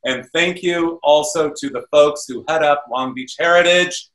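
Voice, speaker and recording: A man's voice: fairly high pitch, a little slow. A man in his fifties hosting in an upbeat, exclamatory showman's way, speaking to camera on a video call. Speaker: awards show host. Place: indoor room at home. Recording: roomy video call sound.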